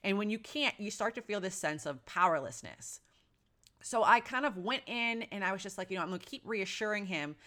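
A woman's voice: medium pitch, animated, a little fast, a bit bright. A woman in her thirties, a mother telling a personal story in a casual, earnest and reflective way, often restarting her sentences. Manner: earnest, reflective, with frequent restarts and "you know". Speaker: mother sharing parenting experience.

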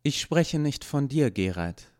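A man reading as an earnest male android officer, speaking calmly and formally in a storybook. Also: medium pitch, measured pace, pitched above the performer's own voice. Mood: firm.

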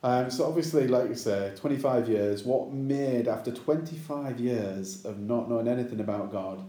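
Man interviewing, very dark voice. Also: medium pitch, normal speed, roomy sound. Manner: light teasing, laughs along. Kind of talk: casual interview questions.

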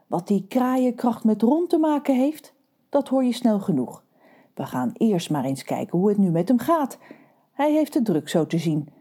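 A woman's voice: mid-range voice, sing-song, normal speed, mellow, slightly rough. A woman narrating a children's audio story playfully, talking directly to her listeners.

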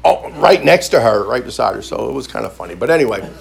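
A man's voice: mid-range voice, expressive, fast talker, gravelly. A man preaching through a personal story, repeating phrases for emphasis and stumbling over restarts. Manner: frequent stammered restarts. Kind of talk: storytelling sermon.

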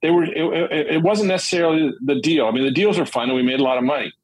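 A man's voice: fairly high pitch, quick pace, poor audio. A middle-aged man, a guest in a casual interview, telling stories about his real estate deals in a rambling way full of restarts and fillers.

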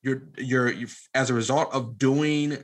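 Guesting on a podcast, this audio drama producer and director speaks in an earnest, relaxed, colloquial manner, often poking fun at himself. His medium-pitched voice holds a steady tone and a measured pace.

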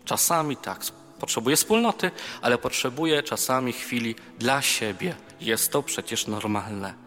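A priest speaks at a youth retreat in a large chapel hall, his medium-pitched voice animated and fairly bright at a normal pace. His sermon is conversational, weaving scripture together with self-deprecating stories from his own life. The hall is reverberant, with faint music in the background.

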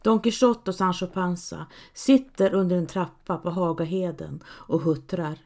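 A woman calmly reading a scripted historical story as its narrator. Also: on the low side. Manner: calm, measured reading.

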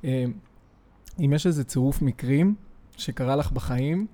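A woman hosting a podcast, giving relaxed short prompts and reactions in a casual interview. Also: extremely low pitch. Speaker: podcast host.

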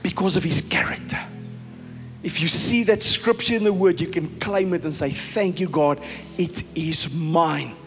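Pastor, South African man, high voice, emphatic preaching, long hall echo with soft music behind. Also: measured pace. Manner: emphatic preaching, mixing in Afrikaans phrases. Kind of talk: sermon.

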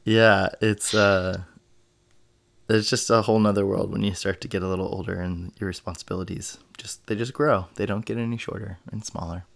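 A man with a very low, gravelly voice hosts a podcast. His talk is casual and rambling, full of restarts and friendly filler. He sounds relaxed and conversational. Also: a little fast. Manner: chatty, rambling with many restarts. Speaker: podcast host. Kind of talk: casual interview chat.

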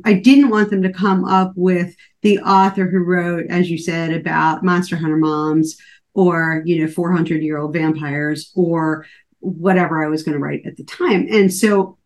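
A woman's voice: mid-range voice, a little mellow. A woman author in her forties talking casually as a podcast guest, chatty, with lots of fillers and restarts. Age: 40s. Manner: conversational, many fillers and restarts.

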